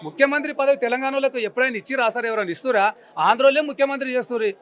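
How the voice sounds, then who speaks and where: A very high, slightly bright voice delivers a rapid-fire, angry street-interview rant as the man emphatically repeats his insults. He's a member of the public in his forties, speaking with a Telangana Telugu accent.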